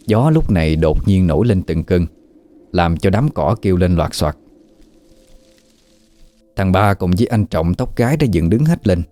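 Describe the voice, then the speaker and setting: A man narrating a scripted ghost story in a steady way. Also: low-pitched, normal speed, long pauses, no echo. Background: faint background music.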